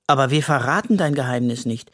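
A storyteller voicing a fast-talking, earnest young friend in a children's audiobook. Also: mid-range voice, fairly bright tone, natural voice. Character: quick, reassuring young friend.

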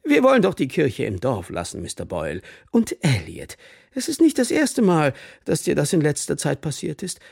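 A man reading an audiobook, voicing a kind, timid male headmaster who speaks softly. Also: fairly high pitch, huge pitch swings, normal speed, creaky, breathy edge, no room sound, studio quality, voice pushed up, exaggerated voice. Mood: gentle. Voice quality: soft, friendly.

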